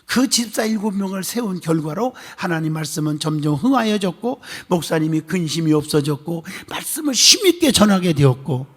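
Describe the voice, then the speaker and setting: A male pastor preaching a sermon, telling a story with animated gusto and calling on the congregation for amens. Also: on the high side, brisk, few pauses. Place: church sanctuary. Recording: long church hall reverb.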